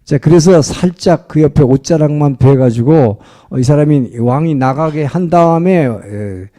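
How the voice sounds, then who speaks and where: A man's voice: a little high, a little slow, warm tone. A male pastor preaching a sermon as a storyteller, filling his talk with frequent short affirmations.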